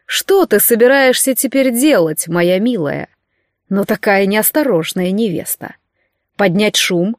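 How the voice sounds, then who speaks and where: A woman doing a slow, mocking sorcerer villain. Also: mid-range voice, expressive, no echo, studio quality, close to an everyday voice. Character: arrogant cruel male court sorcerer, young.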